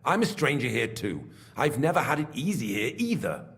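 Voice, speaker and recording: An actor playing a scheming middle-aged smelting works master in a video game, smug and evasive as he confesses his part in a silver racket. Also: moderate pace. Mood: resentful. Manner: smug and evasive, lively pitch. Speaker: game character.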